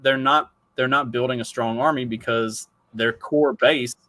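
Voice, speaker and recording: Man, 40s, podcaster. Loose, profane, restarts a lot; bright, forceful tone, dry close mic. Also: medium pitch, steady tone, measured pace, no room sound. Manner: profane, rambling, many restarts. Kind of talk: casual podcast chat.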